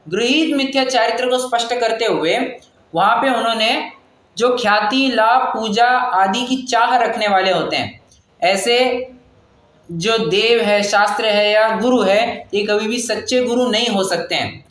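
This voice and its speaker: A man with a fairly high voice leads a scripture class, patiently walking listeners through pronunciation and chanting verses slowly. He sounds like he is in an echoey room. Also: a bit bright. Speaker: scripture teacher.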